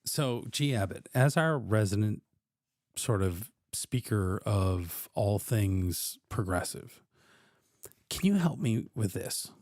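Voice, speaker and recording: Slow, stammering male commentator. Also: lowish voice, animated, a little mellow, no room sound, clean studio sound. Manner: stammering, repeats words, swears casually. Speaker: commentator host. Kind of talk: casual reaction commentary.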